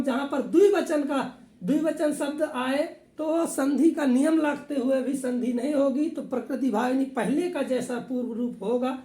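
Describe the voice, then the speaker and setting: A woman teaching grammar in a high, mellow voice. She explains patiently, repeating each rule and quizzing it back. The room around her is echoey. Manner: patient, repeats rules and asks them back as questions. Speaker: Sanskrit teacher. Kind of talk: classroom explanation.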